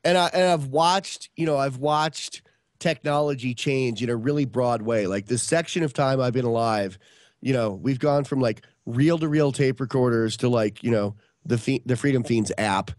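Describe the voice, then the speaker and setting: This is a dry, clean studio recording of a medium-pitched man talking at normal speed. He's an upstate New Yorker in his early fifties, a podcast guest on a video call, telling stories in a loose, rambling way with plenty of restarts and fillers.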